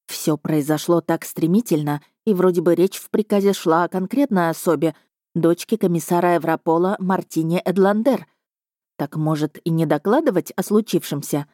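Low-voiced woman reading an audiobook. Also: dark tone, no room sound, studio quality. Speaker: audiobook narrator. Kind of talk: audiobook narration.

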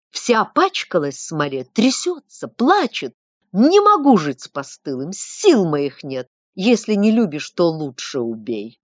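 A woman's voice: mid-range voice, no room sound. A woman reading as a pious, moralizing townsman. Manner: sanctimonious, moralizing storyteller. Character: staid middle-aged male townsman telling a tale. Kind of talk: audiobook reading of a classic story. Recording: dull lo-fi dry recording.

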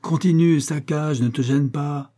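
A man's voice: medium pitch, moderate pace, mellow, lightly acted. A man reading aloud and voicing a touchy older bachelor in raised, wounded outbursts. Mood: indignant.

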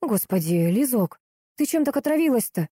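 A woman reading a calm, faintly mocking young woman. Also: a little high, normal speed, slightly rough, no room sound, clean studio sound, pitched above the performer's own voice. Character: calm, slightly mocking young sister-in-law.

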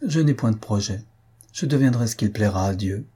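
A man reading a timid young woman who pleads and refuses in a raised, soft tone. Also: on the low side, fairly quick, breathy edge. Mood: sorrowful.

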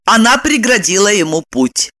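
A woman narrating an audiobook in a lively, emotional storytelling manner. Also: mid-range voice, normal speed, no room sound, clean studio sound.

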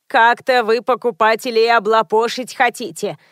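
A chatty know-it-all grandmother in a storybook reading, as a woman narrator puts her on. The voice sits high and lively, and it is recorded dry and close. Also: normal speed, no echo, lightly acted. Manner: lively and talkative.

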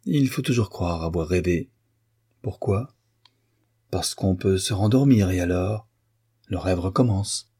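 A man's voice: mid-range voice, animated, normal speed, warm tone, slightly rough, pitched above the performer's own voice. A man voicing a haughty, teasing young Russian princess with an ironic, mocking manner in an audiobook reading. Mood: drowsy. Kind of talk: audiobook character voice.

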